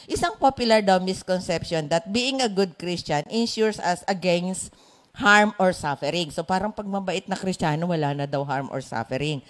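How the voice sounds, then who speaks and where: A woman with a Filipino accent leading a Bible study, chatty and quick to laugh. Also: lowish voice. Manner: chatty, laughs often, mixes in English. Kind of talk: Bible study sharing in Taglish.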